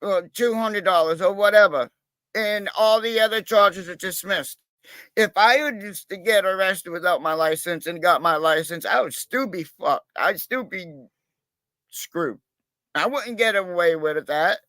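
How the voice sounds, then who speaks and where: A man with a fairly high voice rambles through a casual livestream chat, swearing freely and leaning on fillers. The sound is dry and close, with no room around it. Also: a little slow, bright, forceful tone, dry recording. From Massachusetts, USA. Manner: rambling, profane, with many fillers. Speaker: livestream guest, cop watcher.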